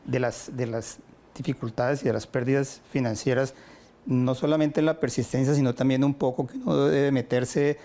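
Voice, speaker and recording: A man, hosting an interview and asking formal, measured questions. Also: mid-range voice, fairly even intonation, dark tone. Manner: measured and formal, with some restarts.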